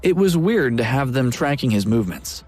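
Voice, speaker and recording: A man reading a story aloud as narrator, with expressive delivery. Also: medium pitch, normal speed.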